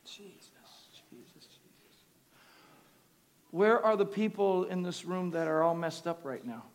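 A man preaching a sermon in a booming, exhortatory motivational manner, insistently repeating phrases and calling on listeners to respond. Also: expressive, moderate pace, noisy background. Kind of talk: sermon with altar call and prayer. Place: live service before a congregation. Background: music playing.

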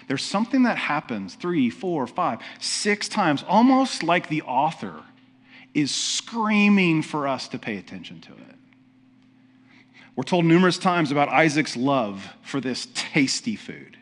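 Male pastor, conversational sermon, asks questions, slightly high pitch. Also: a bit bright. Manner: conversational, with frequent restarts and rhetorical questions.

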